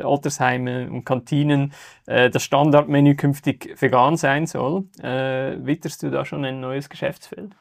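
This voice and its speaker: Gravelly male moderator. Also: mid-range voice, no echo, studio quality. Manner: poses questions with hesitations. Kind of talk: moderated panel discussion.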